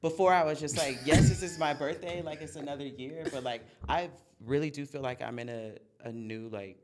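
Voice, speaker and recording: A man's voice: a little high, fairly quick, a loud crowd. A man in his mid-thirties co-hosting a podcast, chatting in an upbeat, teasing way. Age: 30s. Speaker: podcast co-host. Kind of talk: casual podcast chat.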